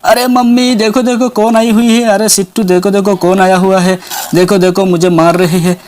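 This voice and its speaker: A frightened little girl cries out again and again for her parents, as a man puts her on. Her calls are high and urgent, repeating each word. It plays like a homemade doll story. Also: little pitch movement, normal speed, darkish tone, lightly acted. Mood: alarmed. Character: scared young girl waking her parents.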